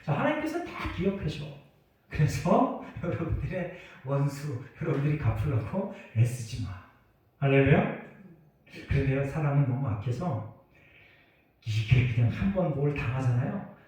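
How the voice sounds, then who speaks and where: A middle-aged male pastor preaching a sermon and telling a personal story, with emphatic swings between loud outbursts and hushed asides. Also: mid-range voice, sing-song, normal speed. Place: church sanctuary. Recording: echoey church hall from far off.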